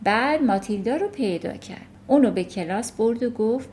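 A woman narrating a children's novel as an audiobook, in an even storytelling manner. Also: on the high side, slight background noise.

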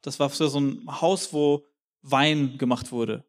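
A man's voice: mid-range voice, steady tone, measured pace. A young man giving a sermon in a casual, youthful way, acting out the quotes of the people he tells about. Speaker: preacher.

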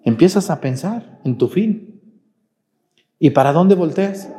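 Folksy priest preaching. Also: male voice, a little high, animated, slow, mellow. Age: 40s. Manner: questioning the congregation directly, folksy. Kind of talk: sermon at Mass.

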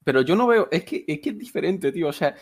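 A man's voice: fairly high pitch, lively intonation, fast talker, slightly rough. Laid-back Melillan podcast co-host, male. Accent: Melillan Spanish. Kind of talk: casual chat.

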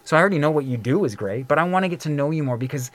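A middle-aged man hosting a podcast in casual chat, an animated storyteller who fills his talk with "like" and "um" and acts out quoted voices. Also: on the high side, rapid-fire. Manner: frequent fillers like "like" and "um". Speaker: podcast host.

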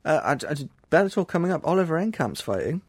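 A man's voice: fairly high pitch, sing-song, fast talker, slightly rough, dry recording, clean studio sound. A man from England, co-hosting a casual chat podcast, rambling with restarts and joking at his own expense. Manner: self-deprecating, rambling with restarts. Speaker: podcast co-host.

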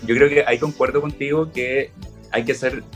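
A man's voice: medium pitch, a little fast, soft background music. A young Chilean man chatting casually, telling stories and acting out what people said. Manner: relaxed storytelling, acts out quoted lines. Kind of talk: casual chat.

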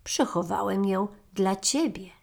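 A woman doing a gruff, terse badger. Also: mid-range voice, measured pace, darkish tone. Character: grumpy male badger, gruff and laconic.

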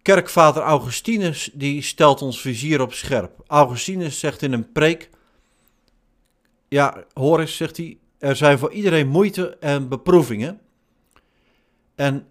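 A man preaching a sermon in slow, measured short phrases. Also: fairly high pitch. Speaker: pastor.

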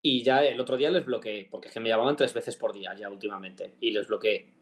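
A podcast co-host with a fairly low voice talks quickly in casual chat. He retells a phone call as an animated, jokey story.

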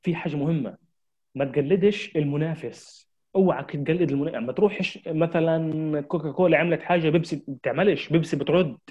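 A man's voice: on the high side, fast talker, a little mellow, husky, highs cut off. A man gives a marketing lecture, addressing his audience directly with urgent, repeated exhortations. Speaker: marketing trainer.

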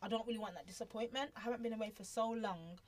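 A woman chatting quickly and animatedly as a podcast co-host, telling stories. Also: on the high side. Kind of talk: casual chat.

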